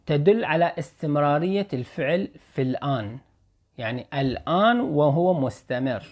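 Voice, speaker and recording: Male language teacher, Iraqi Arabic accent, patient, repeats examples slowly. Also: on the high side, lively intonation, darkish tone. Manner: slow careful repetition of example phrases. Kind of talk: explaining Persian phrases in Arabic.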